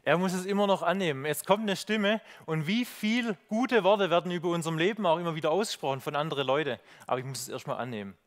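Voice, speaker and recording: A man preaching a reflective sermon with slides, pausing on fillers and asking rhetorical questions. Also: a little high.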